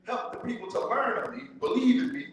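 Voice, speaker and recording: A man's voice: very high voice, fairly even intonation, brisk. A man from the southern United States preaching a sermon in a church, telling stories and leading call and response. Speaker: pastor. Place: church sanctuary. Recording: echoey church hall from far off.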